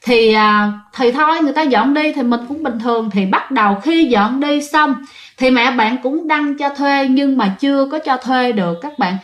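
A woman's voice: high-pitched, moderate pace. A woman with a Southern Vietnamese accent narrating ghost stories in a chatty way, often addressing her listeners. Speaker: storyteller. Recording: echoey room.

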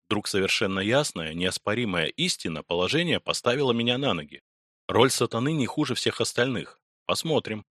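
A man narrates a literary story in the first person, measured and deliberate, with a dry touch of irony. His voice sits low, and the recording is close and dry, with no room around it. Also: lively intonation, a bit bright, dry recording. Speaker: audiobook narrator.

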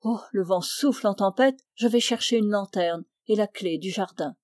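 Une femme lit à voix feutrée les répliques d'un jeune homme amoureux, sincère et tendre, dans un livre audio. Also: female voice, mid-range voice, normal speed, darkish tone, no echo, studio quality, lightly acted. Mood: earnest. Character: young man in love, earnest and tender. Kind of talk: audiobook dialogue reading.

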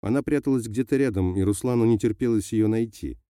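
A man narrating an audiobook in a steady, measured reading voice. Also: on the low side, dry recording, clean studio sound. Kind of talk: scripted narration.

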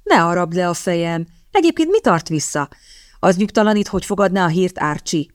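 A woman's voice: on the low side, animated, no echo, clean studio sound, natural voice. A woman reading the part of a jovial, joking military captain.

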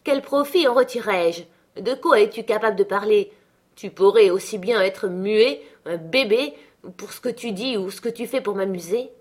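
A woman reading aloud, voicing a headstrong, imperious young woman who is sharp and scornful. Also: mid-range voice, slightly rough, lightly acted. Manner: sharp, scornful, quick to anger.

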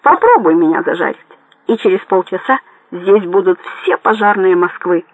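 A man voicing a cornered male army major who answers in a hoarse, defiant voice. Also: high-pitched, lively intonation, normal speed, no echo, muffled recording.

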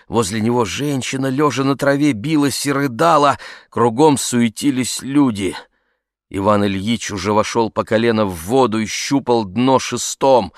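A man narrating a classic story in a measured, dramatic way. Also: mid-range voice, no room sound, studio quality. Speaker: audiobook narrator. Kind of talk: scripted narration.

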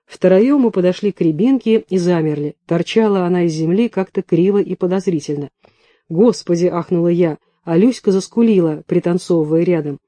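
A male audiobook reader narrates in a lively storytelling manner, with a high voice of a very dark, mellow tone. The recording is close and completely dry. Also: a little fast, few pauses, dry recording.

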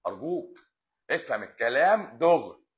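A man's voice: medium pitch, big pitch swings, moderate pace. A man with an Egyptian accent, a doctor hosting a live stream who answers viewer comments in a blunt, lecturing way and drops English medical terms into his talk. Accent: Egyptian Arabic. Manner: blunt and lecturing, often exasperated.

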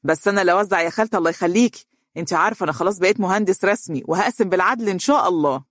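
A rowdy, good-humoured young man from an audiobook story, talking quickly and joking in Egyptian dialect, with the narrator doing his voice. He sounds a little higher than the narration, and the recording is dry and close. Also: fairly even intonation, dry recording. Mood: lively. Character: cheerful boisterous young male engineer graduate.

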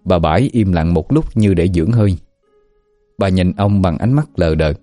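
Man, story narrator, very deep voice, mellow tone, soft music under. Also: animated, moderate pace, no echo.

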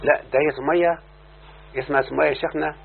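A man's voice: fairly high pitch, steady tone, quick pace, creaky. A man with an Egyptian Arabic accent leads a classroom lesson, firing questions at his listeners and waiting for their replies. The recording is thin and phone-like, with a faint hum running underneath. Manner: keeps quizzing listeners for answers. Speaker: teacher.

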